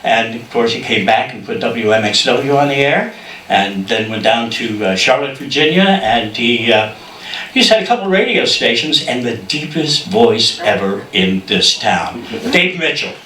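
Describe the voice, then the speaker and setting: An older man reminisces in an anecdotal introduction speech, halting as he goes. His voice is bright and forceful, picked up from a distance in an echoey room. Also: mid-range voice, expressive. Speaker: ceremony presenter. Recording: echoey room, distant mic, faint noise.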